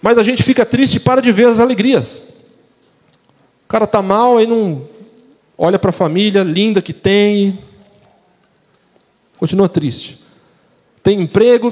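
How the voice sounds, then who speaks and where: A young man with a Brazilian Portuguese accent preaches a casual sermon in a church hall, his voice high and a little mellow, moving slowly with long pauses. He chats with the congregation in slangy, conversational talk and keeps asking them questions, the large space audible around him.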